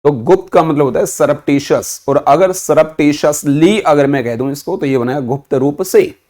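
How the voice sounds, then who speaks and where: A man's voice: a little high, measured pace, warm tone. An Indian man teaching an online English vocabulary lesson, mixing Hindi and English and asking and answering his own questions.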